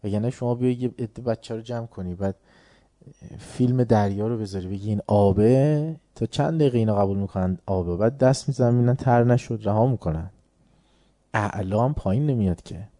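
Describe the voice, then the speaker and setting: A man with a lowish, very dark and mellow voice delivers an informal sermon, recorded close and dry. He talks conversationally and keeps turning to his listeners with rhetorical questions. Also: no room sound. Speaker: preacher. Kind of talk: informal religious lecture.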